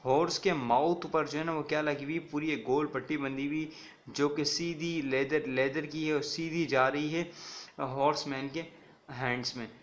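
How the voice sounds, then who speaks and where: A male teacher walks students through a poem in a recorded lesson, in a voice a little higher than most men's. He reads each English line slowly and then explains it in Hindi-Urdu. He keeps asking "ठीक है ना" to check that they follow. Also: fairly even intonation. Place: recorded video lecture.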